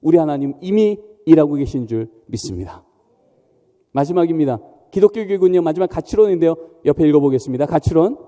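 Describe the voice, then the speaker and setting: A man's voice: a little high, expressive, fast talker, mellow, lo-fi sound. A man preaching a sermon in a church, emphatic and often questioning the congregation. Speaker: pastor. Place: large church hall. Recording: long church hall reverb.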